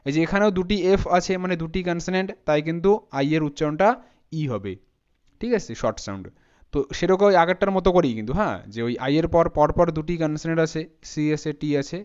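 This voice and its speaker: A man's voice: high voice, clean tone, highs cut off. A man teaching English pronunciation as a spoken lesson, patiently spelling words out letter by letter.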